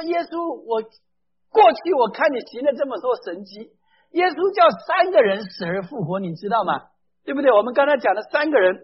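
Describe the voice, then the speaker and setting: A man preaching a sermon, speaking emphatically, putting questions straight to his listeners and mixing in English phrases. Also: extremely high pitch. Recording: dull lo-fi recording.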